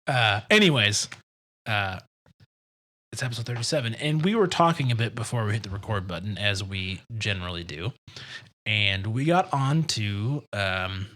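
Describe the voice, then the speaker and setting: A man's voice: on the low side, expressive, moderate pace, pushed and bright. A man hosting a podcast in casual chat, joking and chatty, with some stumbles. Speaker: podcast co-host.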